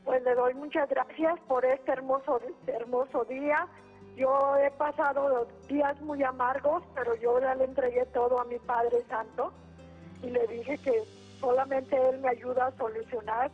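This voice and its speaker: A woman in her eighties with a Mexican Spanish accent calls in to pray and share her troubles, devout and rambling with many restarts. Her high-pitched voice is breathy-edged, measured and nearly flat in pitch. The tinny phone line carries soft background music.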